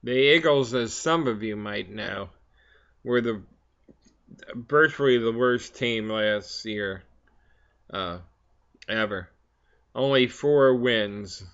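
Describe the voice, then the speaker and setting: A man in a casual, rambling solo chat, speaking haltingly between puffs on his pipe, with frequent hesitant pauses. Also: mid-range voice, a bit bright. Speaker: vlog host. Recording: slightly dull, lo-fi sound.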